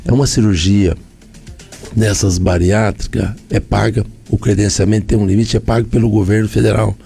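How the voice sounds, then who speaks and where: Gravelly Brazilian mayor explaining. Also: male voice, on the low side, steady tone, moderate pace, mellow, faint music behind. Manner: explanatory, lists points with repeated phrases. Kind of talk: radio interview answers.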